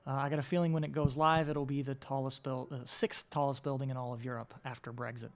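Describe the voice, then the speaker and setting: A man's voice: medium pitch, little pitch movement, fast. A man hosting a podcast interview. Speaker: podcast host, sales and marketing executive.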